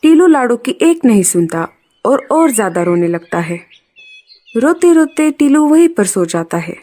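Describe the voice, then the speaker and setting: Expressive woman storyteller. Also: on the high side, measured pace. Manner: expressive, dramatic. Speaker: narrator. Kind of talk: storybook narration.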